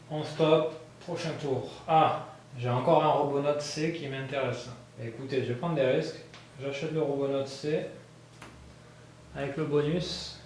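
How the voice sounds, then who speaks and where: A man narrating his solo board game playthrough, thinking aloud with many fillers and bursts of excitement at dice rolls. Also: medium pitch. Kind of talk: casual thinking-aloud gameplay commentary. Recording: very echoey room with faint background noise.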